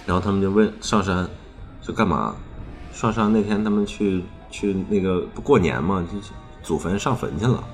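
A man with a very low, deep voice recounts an eerie story in a loose, rambling way. He keeps chaining his sentences with "then" and circling back over the same phrases. Faint music plays softly behind him. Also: normal speed. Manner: rambling, strings clauses with "then" and repeats phrases. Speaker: storyteller on a ghost-story podcast. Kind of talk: casual chat storytelling.

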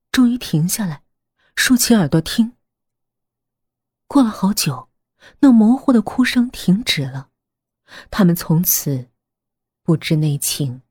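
A woman reading a suspense story aloud, measured and hushed, sometimes dropping almost to a whisper. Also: lowish voice, breathy edge, no echo, studio quality. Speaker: narrator. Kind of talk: scripted audiobook narration.

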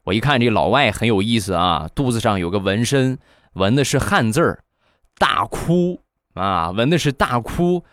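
A man hosts a comedy show, telling comic anecdotes in a chatty, animated way. His voice has a mid pitch with lively swings. The recording is dry and close to the mic. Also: brisk, no room sound.

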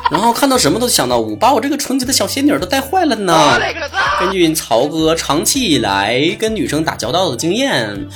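Animated Northeastern Mandarin comedy host, male. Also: on the high side, fairly quick. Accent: Northeastern Chinese Mandarin. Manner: playful, boastful, often breaking into laughter. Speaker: comedy show host and online broadcaster. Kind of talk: casual comedic talk show monologue. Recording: voice over prominent background music. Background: music.

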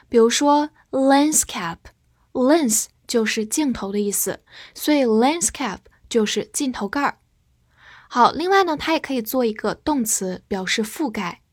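A slightly high-pitched woman, originally a Chinese speaker, works through English vocabulary by spelling words letter by letter and reading slowly with her listeners. There's no room sound, and the studio recording is clean.

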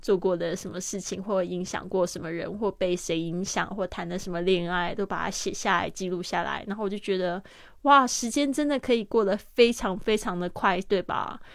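Lively woman explaining English phrases. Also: medium pitch, a little fast, no room sound. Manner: lively, breaks sentences into parts and repeats them. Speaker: English teacher and host.

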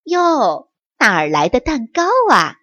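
A woman's voice: on the high side, lively intonation, slow, dry recording. A woman doing a doting mother mouse. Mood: surprised. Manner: affectionate, cooing. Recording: dry, slightly muffled.

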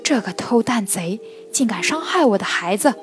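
Woman voicing a protective storybook mother turtle, heartfelt and loud, faint music behind. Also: mid-range voice, lively intonation, normal speed, natural voice. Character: anxious loving mother turtle.

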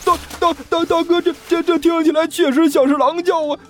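A man voicing a timid young male thug who stammers and wheedles, the nervous sidekick in a told story, pitched well above his own voice. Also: wildly swooping pitch, moderate pace, a little mellow, faint music behind. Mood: frightened.

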